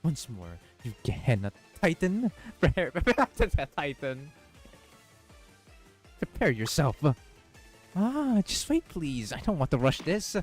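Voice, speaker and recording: A man reading a game story aloud and breaking off for excited, profane reactions. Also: on the high side, unhurried, faint music behind. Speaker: gaming streamer.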